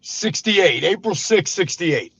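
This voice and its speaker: A Brooklyn man in his fifties, a former gangster, tells his life story as an interview guest in casual street talk, dropping "brother" and "you know what I mean." His voice is high, expressive and a bit bright, with vocal fry and a breathy edge, and he takes his time. The recording is dry, dull and lo-fi.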